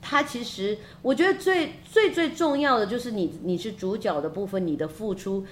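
A woman hosting a podcast interview, talking in a halting way and repeating words while she looks for them. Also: medium pitch, expressive, a little hiss or hum. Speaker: podcast host. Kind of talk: casual interview chat.

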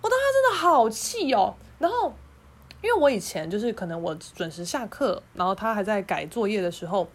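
A podcast host with a Taiwanese Mandarin accent tells a story as a heated, profane, sarcastic rant. Her voice is medium-pitched and sing-song, and she talks fairly quickly.

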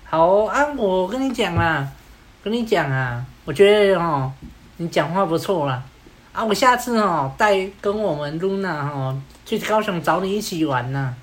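A man voicing a pushy, fake-friendly young wannabe thug, with a slow drawl and a Taiwanese Mandarin accent. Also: high voice, lively intonation. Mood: swaggering.

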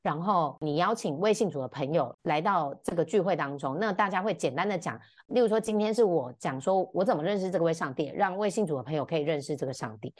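A woman's voice: quick pace, hardly any pauses. Woman, 30s, chatty guest telling her story, voice jumps all over when she acts out what people said. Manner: animated, acts out quoted dialogue in varied pitch. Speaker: podcast guest, brand founder. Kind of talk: casual storytelling chat.

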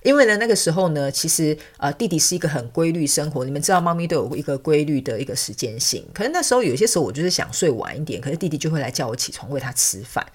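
A woman's voice: deep voice, very animated, fast, few pauses, breathy edge. A young woman from Taiwan, hosting a podcast and telling a personal story in a chatty way, with many fillers and frequent laughs. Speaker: podcast host. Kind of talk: casual storytelling monologue.

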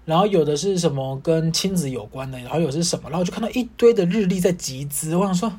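A young woman hosting a casual solo podcast, ranting in an animated, self-mocking way. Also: sits low, quick pace, slightly rough. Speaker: podcast host.

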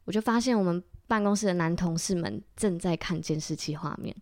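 A woman's voice: on the low side, a little fast, no room sound, clean studio sound. A young adult woman with a Taiwanese Mandarin accent, co-hosting a casual chat podcast and telling a story with acted-out lines. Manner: lively storytelling, acts out quoted lines. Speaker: podcast co-host.

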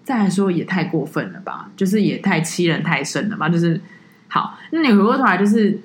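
A woman's voice: on the low side, brisk, reverberant, slight background noise. A woman, chatting as a podcast co-host about her tour-leading work and acting out the people she quotes. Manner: animated storyteller, acts out quoted people. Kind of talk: casual podcast chat, storytelling.

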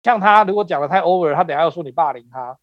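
Host guy, kinda high voice, dry sound, chatty and jokey with his questions. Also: animated, racing, dry recording, dull audio. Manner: chatty, asks questions with many tag particles and laughs. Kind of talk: casual talk-show chat.

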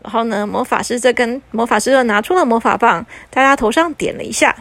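A woman narrating a bedtime story for children in a gentle, lilting way. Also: fairly high pitch, no room sound. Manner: gentle, lilting with drawn-out particles.

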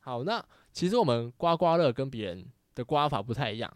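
Fast, lively young man storyteller. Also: mid-range voice, no echo, clean studio sound. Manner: animated, swears freely, acts out quoted people. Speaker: podcast host. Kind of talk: casual storytelling chat.

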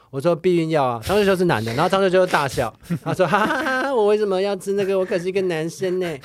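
A man's voice: fairly high pitch, no echo. A man from Taiwan with a Taiwanese Mandarin accent, a stand-up comedian telling rambling joking stories in casual podcast chat.

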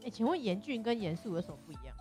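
A woman from Taiwan co-hosting a casual podcast, chatting quickly and often agreeing. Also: medium pitch, big pitch swings, warm tone, soft background music. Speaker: podcast co-host. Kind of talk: casual chat.

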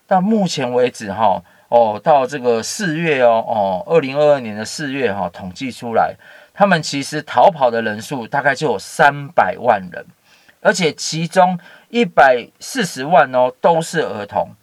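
A man's voice: mid-range voice, lively intonation, normal speed, dry recording. A man giving a casual Bible teaching, reading scripture and adding chatty asides with many fillers. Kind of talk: casual Bible story commentary.

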